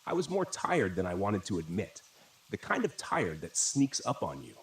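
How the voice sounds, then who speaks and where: Low-voiced man telling a horror story. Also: moderate pace. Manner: steady, dramatic first-person telling. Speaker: narrator. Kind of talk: scripted horror story narration. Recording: roomy echo.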